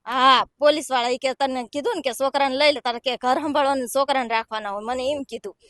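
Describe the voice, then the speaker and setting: A woman's voice: sits high, steady tone, fast, fairly bright tone, dry recording, studio quality. A young woman giving distressed, pleading testimony to a reporter. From Gujarat, India. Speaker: villager interviewed. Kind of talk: emotional testimony.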